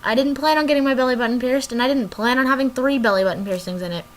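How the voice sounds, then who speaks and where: A young adult woman vlogs casually from her bedroom, rambling and drifting off topic as she talks to the camera. Her voice is high-pitched and racing.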